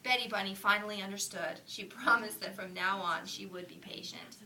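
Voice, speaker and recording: A woman reading a children's story aloud in a bright, clear voice. She switches between lively narration and hushed whispered asides. She sounds a little distant from the mic. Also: medium pitch, brisk. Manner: animated character voices and soft whispered asides.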